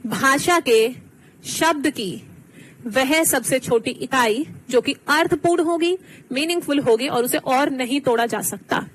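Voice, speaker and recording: A woman teacher giving an online exam-prep lesson, explaining slowly, switching between two languages and quizzing her students. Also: high-pitched, a little hiss or hum, poor audio.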